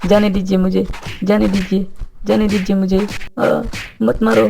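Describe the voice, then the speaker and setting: An actor playing a poor, kind orphan youth from a village who talks humbly and pleads, in a cartoon story. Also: male voice, fairly high pitch, steady tone, measured pace, warm tone, a little hiss or hum. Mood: pleading. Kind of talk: Hindi cartoon voice acting.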